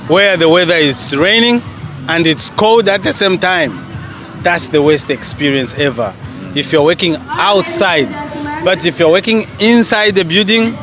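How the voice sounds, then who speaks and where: A man from Zambia giving an earnest street interview outdoors in a park, into a handheld mic. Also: a little high. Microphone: handheld mic held by interviewer.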